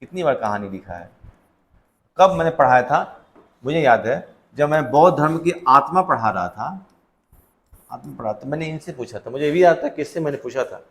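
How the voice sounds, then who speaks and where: A man's voice: on the high side, lively intonation, moderate pace, fairly bright tone. A male teacher going through test answers with students in a classroom, conversational and full of questions to them. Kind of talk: classroom test solution lecture.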